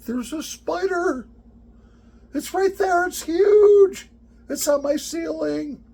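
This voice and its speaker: Guy doing a panicked young daughter, squealing way up high over a spider, loud. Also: slow pace, gravelly, exaggerated voice. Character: frightened young daughter shrieking about a spider.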